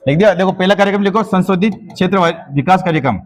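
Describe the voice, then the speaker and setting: A middle-aged man leads an exam-prep class at a fairly high pitch. He dictates slowly, says each phrase several times, and keeps checking that his students are keeping up. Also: slight background noise. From Rajasthan. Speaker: teacher.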